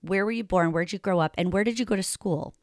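A medium-pitched woman talks fast as a podcast host conducting a casual interview over a video call. She's chatty, laughs often, and uses lots of fillers, and the recording is dry with clean studio sound.

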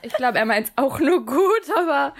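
A woman's voice: high voice, lively intonation, normal speed. Giggly young woman podcast host. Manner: laughs often, mixes English into German. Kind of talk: casual chat.

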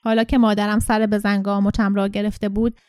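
A woman narrates an audiobook story in a steady, clear storytelling voice. Her pitch sits in the middle, and the recording is close and dry. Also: dry recording.

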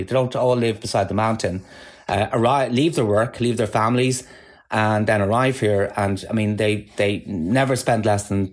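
A man from Galway with a west of Ireland accent, explaining things as an interview guest in a measured, discursive, conversational way. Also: lowish voice.

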